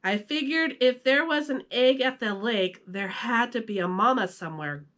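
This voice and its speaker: A woman voicing a kindly, goofy cartoon dog father with a folksy, soft-hearted manner in a storybook reading. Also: a little high, expressive, normal speed, pitched above the performer's own voice. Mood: reassuring.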